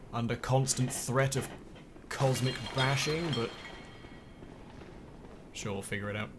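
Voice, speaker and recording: A man's voice: mid-range voice, heavy background noise. Tired wry man streaming a game. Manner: wry, self-mocking, rambling asides. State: tired, yawning. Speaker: let's play streamer. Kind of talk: casual live gameplay commentary.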